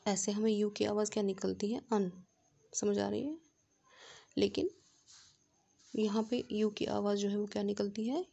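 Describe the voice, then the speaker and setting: Woman, grammar teacher, gravelly voice, dark mellow tone, step-by-step explanations, slow read-out examples. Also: mid-range voice, fairly even intonation. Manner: explains step by step, asks rhetorical check questions; reads English examples slowly and deliberately. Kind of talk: classroom grammar lesson.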